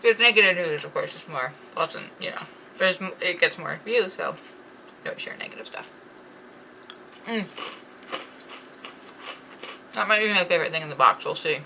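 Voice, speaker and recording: A woman hosts a casual snack-tasting vlog in a bright, crisp voice. She chats eagerly, reads out package descriptions, and keeps talking while she chews. A faint noise sits under her voice. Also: fairly low pitch, expressive, moderate pace, long pauses, low-quality recording. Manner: chatty, gushing, reads package blurbs aloud; talks while chewing. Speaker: snack review host.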